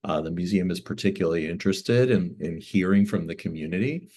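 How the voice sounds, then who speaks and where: With a deep, darkish voice that has a breathy edge, this man talks a little fast. He is middle-aged, Cuban-born and Florida-based, and as interim museum director he is a guest at a community talk, explaining at length and leaning on fillers often.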